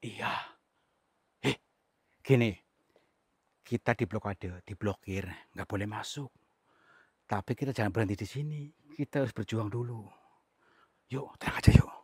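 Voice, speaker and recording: A man from Central Java presents a staged ghost-hunting vlog outdoors. He talks in a hushed, coaxing way and often drops to a whisper. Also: on the low side, unhurried, long pauses, dry recording. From Cilacap, Central Java. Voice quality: very husky. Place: outdoors on an overgrown hillside.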